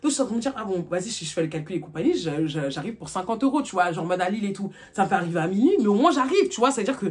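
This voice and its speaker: Fast-talking animated young woman. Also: mid-range voice. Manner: rapid, animated retelling full of fillers. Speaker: vlogger telling a personal story. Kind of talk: casual storytime vlog.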